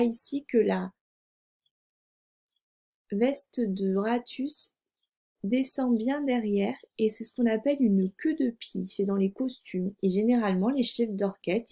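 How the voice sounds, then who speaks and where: A woman's voice: a little high, a little slow, warm tone. A woman teaching a reading lesson to young children, speaking patiently, repeating words and spelling them out letter by letter for dictation. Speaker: first-grade teacher.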